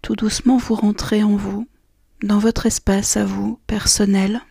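A woman guiding a relaxation and meditation session in a soft, slow, half-whispered voice. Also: mid-range voice, flat delivery, vocal fry, husky, no echo, clean studio sound. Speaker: relaxation guide. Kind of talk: guided meditation.

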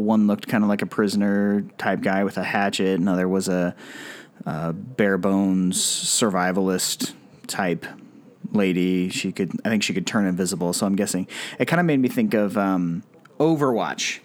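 A young man in casual gaming chat, easygoing and a bit hesitant, trailing off mid-thought. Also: lowish voice. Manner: easygoing, hesitant, mock-quotes people.

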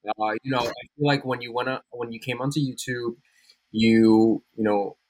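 A man's voice: medium pitch, steady tone, moderate pace, a little mellow, no room sound, poor audio. Agreeable man hosting a podcast. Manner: agreeable, hesitant questioning. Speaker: podcast host. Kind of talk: casual podcast interview.

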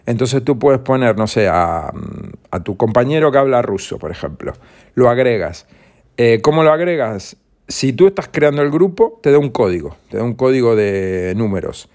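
A man's voice: mid-range voice, sing-song, moderate pace, darkish tone. Rambling man explaining. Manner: rambling, explanatory, often restarting sentences. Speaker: podcast host. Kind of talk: casual solo podcast monologue.

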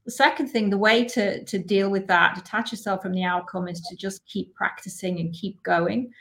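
A woman, a sales expert guest on a podcast, giving clear, structured advice in a conversational way. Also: mid-range voice, fairly even intonation, normal speed, fairly bright tone.

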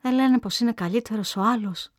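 A woman reading aloud gives voice to a dying young woman from Crete, weak and slightly hoarse. She speaks softly and wearily, resigned rather than frightened. The sound is dry and close, like a storybook reading. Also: a little high, no echo, close to an everyday voice. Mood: weary resigned. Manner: soft, weary, resigned. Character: frail young woman sick with consumption.

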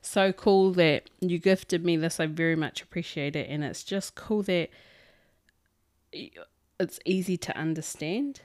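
Kiwi woman w maori accent, kinda low voice, chatty banter on a podcast, really dry sound. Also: unhurried, a little mellow, no echo. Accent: New Zealand Māori. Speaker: podcast co-host. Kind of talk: casual chat.

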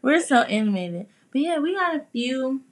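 Woman, young adult, podcast co-host, casual slangy chat, fairly high voice. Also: sing-song, normal speed. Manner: laughing, teasing, slangy.

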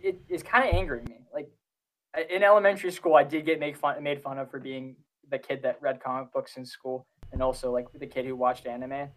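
A young man co-hosting a casual chat, animated and jokey, often tripping over his words. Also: medium pitch. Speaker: podcast co-host.

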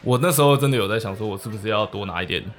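A man's voice: on the low side, racing, a crowd in the background. A man co-hosting a casual bar chat, speaking earnestly and repeating himself as he tells a story. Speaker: podcast co-host.

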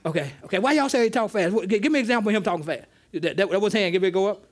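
A man's voice: high-pitched, expressive, racing. A man, a pastor, teaching interactively in a church, stammering and repeating "okay" as he draws answers from the congregation. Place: church sanctuary.

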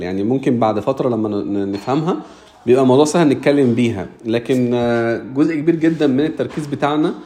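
This host of a live audio discussion speaks with an Egyptian Arabic accent and keeps the talk casual while mixing in English business terms. His mid-range voice sounds mellow.

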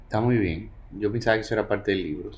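A man's voice: lowish voice, fast talker. A man with a Caribbean Spanish accent chatting casually and colloquially as a podcast host. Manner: informal, colloquial, swearing. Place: home, beside a street with motorbikes. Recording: clear street noise behind.

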